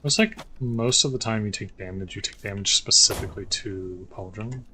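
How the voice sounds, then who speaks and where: A man's voice: fairly low pitch, a little fast, bright, forceful tone, slight background noise, poor audio. A man giving casual, sarcastic commentary while playing a game solo, thinking aloud as he goes. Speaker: gameplay streamer.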